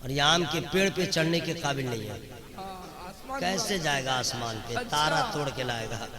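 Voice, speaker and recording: Guy preaching to a big crowd, loud chant one sec then quick chatty bits, crowd noise all around. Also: on the high side. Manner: swings from loud chanting to quick asides, mimics voices. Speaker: religious speaker. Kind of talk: Urdu religious sermon to a crowd. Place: outdoor religious gathering.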